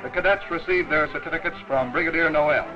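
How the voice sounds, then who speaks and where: A man narrates in the brisk, declamatory manner of an old newsreel, his voice sitting a little high. The sound is dull and lo-fi, like a 1940s soundtrack. Music plays clearly behind him.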